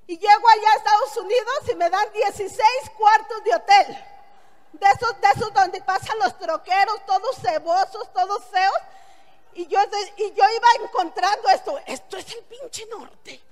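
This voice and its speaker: A middle-aged woman with a Mexican Spanish accent tells her story with blunt, earthy humor. Her voice sits very high. The speech rings with a long hall reverb. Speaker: motivational speaker. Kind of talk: testimonial speech to an audience.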